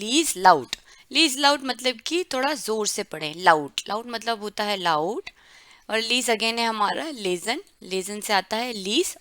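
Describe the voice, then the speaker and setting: A woman teaching German vocabulary to learners, repeating words slowly syllable by syllable for pronunciation drills. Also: medium pitch, pushed and bright, no room sound. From India. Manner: drawn-out, careful word-by-word pronunciation drills. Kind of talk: explaining vocabulary to learners, mixing Hindi and English.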